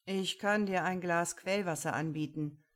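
A woman voicing an earnest, esoteric man who lectures calmly about healing water. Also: on the low side, unhurried, natural voice.

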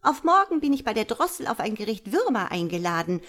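A woman's voice: fairly high pitch, sing-song, a bit bright. A woman voicing a chattering, gossipy female magpie with a busy social calendar. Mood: fussy. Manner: chattering, fussy, rapid.

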